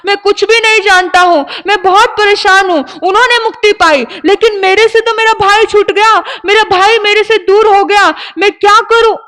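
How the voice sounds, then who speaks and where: A woman's voice: very high voice, fairly even intonation, normal speed, few pauses, pushed and bright, pitched above the performer's own voice. A woman voicing a grieving older brother who pleads in a tearful, desperate lament. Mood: despairing. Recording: long hall reverb.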